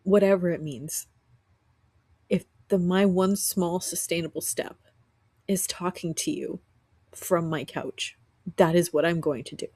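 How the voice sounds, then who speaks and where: A woman podcast host, sick and rough-voiced, talking earnestly from her couch at home in a reflective spiritual monologue with frequent restarts. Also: lowish voice, fairly even intonation, unhurried, long pauses, a little mellow, no echo, clean studio sound.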